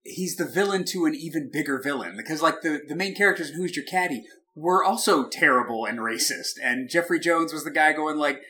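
Bright-voiced man, chatty co-host. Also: a little high, lively intonation, a little fast, few pauses. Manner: chatty, laughs often, frequent restarts. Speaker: podcast co-host. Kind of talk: casual chat.

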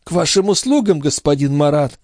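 A man's voice: a little high, big pitch swings, a little fast, darkish tone, no echo, studio quality, pitched above the performer's own voice. A man voicing a wily, sugary old female concierge who whines and protests indignantly. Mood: shrill indignant.

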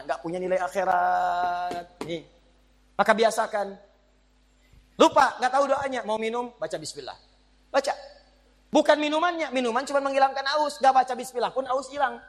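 A male preacher delivering a sermon, swinging from hushed pleading to high, emphatic exclamations. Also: steady tone, brisk. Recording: hall reverb.

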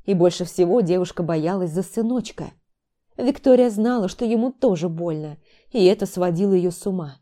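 A woman narrating an audiobook with calm, even scripted reading. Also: fairly low pitch, normal speed.

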